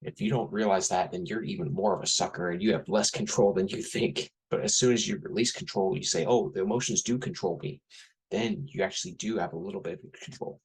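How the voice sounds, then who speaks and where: Low gravelly-voiced man rambling. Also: a little fast, low-quality recording. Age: 30s. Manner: rambling, blunt, frequent fillers and self-corrections. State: has a headache. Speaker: podcast host. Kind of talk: casual spoken monologue.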